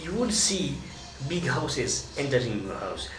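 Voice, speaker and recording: This is a Kenyan man's teaching monologue about marriage, delivered at a measured pace in a mid-range, sing-song voice. He emphasizes and lengthens key words, captured from a distance with roomy echo and noise.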